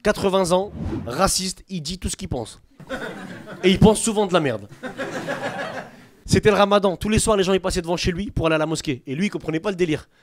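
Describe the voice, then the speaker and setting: A man doing stand-up at a comedy club, telling stories with a punchy, animated delivery. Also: high-pitched, fairly quick, long pauses. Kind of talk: stand-up storytelling.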